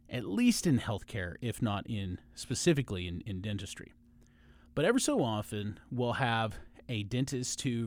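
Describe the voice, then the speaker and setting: Measured man explaining legal matters. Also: mid-range voice. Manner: measured, explanatory, with frequent restarts. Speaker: podcast host, lawyer. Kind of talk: informational podcast monologue.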